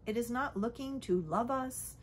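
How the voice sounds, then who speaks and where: A woman giving a casual spiritual teaching talk, conversational, often checking in with "okay?" and "right?" and sometimes dropping to a soft whisper. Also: on the high side, moderate pace, slight background noise. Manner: drops to a soft whisper at times.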